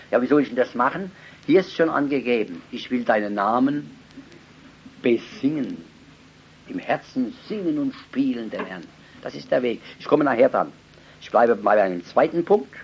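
Slow, lively husky man preaching. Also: medium pitch. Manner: emphatic, swinging between loud stresses and soft asides. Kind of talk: sermon with Bible reading. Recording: dull lo-fi recording.

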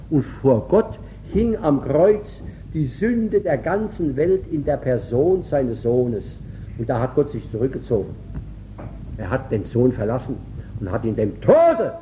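A man preaches with fervor. His pitch leaps and falls widely, and he swings from loud calls to near-murmurs. The recording sounds dull and lo-fi. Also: very animated, a little slow, a little hiss or hum. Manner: emphatic, with sudden swings between loud calls and quiet asides. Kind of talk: sermon.

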